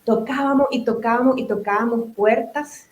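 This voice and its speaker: In an echoey room, a woman with a slightly high, somewhat mellow voice talks at a moderate pace. A business owner and psychotherapist from Nicaragua, she's a chatty interview guest given to long explanations, restarts and asides.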